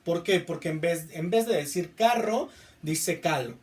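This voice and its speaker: A male teacher with a Mexican accent giving a classroom lecture, often checking understanding with a quick question. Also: on the high side, a little mellow, far from the mic. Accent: Mexican Spanish. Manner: repeats "¿estamos?" to check understanding.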